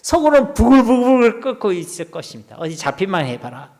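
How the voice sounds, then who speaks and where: A man's voice: high voice, sing-song, fairly quick, darkish tone. A middle-aged male pastor with a Gyeongsang Korean accent, preaching an expository sermon in a church hall. He asks the congregation questions and drops to near-whispers.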